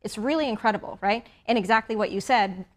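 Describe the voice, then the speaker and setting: Woman, 30s, panelist, conversational, mid pitch, studio lapel mic. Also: quick pace. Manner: conversational, checks in with "right?".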